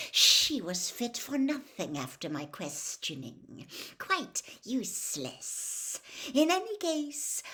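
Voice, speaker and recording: Storybook villain: a cold, silky male dark lord played by a woman, slow, mocking, swooping widely in pitch. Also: full character voice. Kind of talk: storybook villain read aloud.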